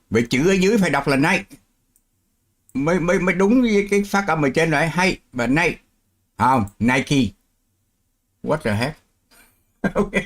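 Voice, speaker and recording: A middle-aged Vietnamese man hosts a live stream in a casual, chatty way, explaining things through worked examples and laughing easily. His voice is a little high.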